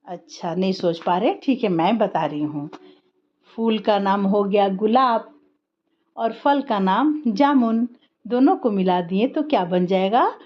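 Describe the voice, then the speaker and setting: A woman's voice: medium pitch, lively intonation. Patient woman teaching young children. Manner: patient, slow explanatory, rhetorical questions. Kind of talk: children's lesson explanation. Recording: slightly dull lo-fi recording.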